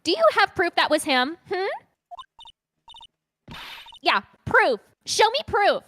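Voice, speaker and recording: A sassy valley-girl witness, high and bright, bouncing all over her range as she dodges and snaps back, as a woman puts her on for friends. She talks in quick, defensive retorts. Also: sing-song, slight background noise, exaggerated voice. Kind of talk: voicing a game character for friends.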